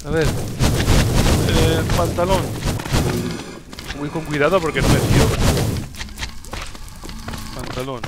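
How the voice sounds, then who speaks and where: A man from Spain, doing let's play commentary, muttering in frustration and bursting into yells. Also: a little high, slow pace, pauses often. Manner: exasperated, muttering to himself, bursts of yelling. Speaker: gaming YouTuber. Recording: loud game music behind voice. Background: loud game music.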